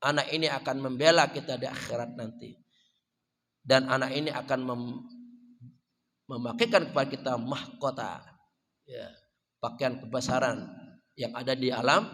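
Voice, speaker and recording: A man with an Indonesian accent preaching a sermon in a mosque, questioning the congregation and swinging from loud emphatic lines to soft quiet phrases. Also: medium pitch. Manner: addresses the congregation with questions, swelling then dropping to soft phrases. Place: mosque hall. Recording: long mosque reverb.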